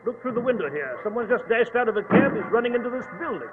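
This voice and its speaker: A man's voice: very high-pitched, lively intonation, over loud music. A man playing a genial British doctor who recounts adventures in a courteous, formal 1940s radio style. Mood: alarmed, curious. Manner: measured, courteous, formal raconteur. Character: genial British doctor, male, storytelling companion of a detective. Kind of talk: 1940s radio acting and storytelling. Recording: tinny, reverberant, hissy 1940s radio.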